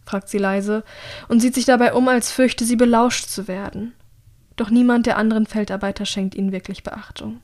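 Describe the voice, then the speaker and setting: A woman narrating an audiobook in a calm, measured storytelling voice. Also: a little high. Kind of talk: scripted narration.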